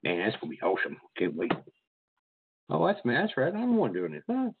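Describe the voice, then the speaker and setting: This podcast host has a fairly high, wildly swooping voice with vocal fry and a breathy edge, talking a little fast. He swears freely, rambles, and stumbles through restarts in a casual interview. The sound is tinny, dry and phone-like, with no echo.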